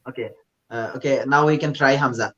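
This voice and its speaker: A man's voice: mid-range voice, steady tone, drawn-out words, bright, forceful tone. Sylheti man teaching over a dull call. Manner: patient, drills sounds for repetition, mixes English in. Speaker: Quran teacher. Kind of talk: live online recitation lesson. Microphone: video call. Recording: dull lo-fi video call audio.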